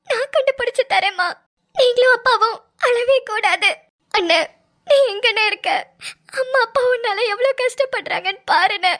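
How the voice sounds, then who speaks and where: A woman's voice: very high-pitched, fairly bright tone. A woman voicing a young daughter in a cartoon, pleading earnestly through tears. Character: young daughter missing her lost brother.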